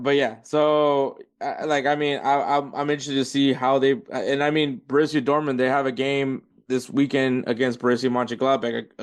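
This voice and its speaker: A man hosting a casual football podcast, rambling and correcting himself as he reads through league standings. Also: mid-range voice. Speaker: podcast host.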